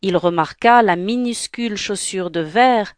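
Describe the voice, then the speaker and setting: A woman reads a fairy tale aloud in a calm, clear voice. She takes her time over every phrase. The sound is dry and close, with no room. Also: mid-range voice, unhurried, dry recording. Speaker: storyteller. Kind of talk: storybook read-aloud.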